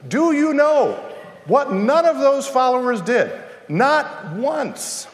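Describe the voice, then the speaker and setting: A man preaching a sermon to a congregation, emphatic, using rhetorical questions and dramatic pauses. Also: extremely high pitch, very animated. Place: large reverberant room, preaching live. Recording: echoey hall with long reverb.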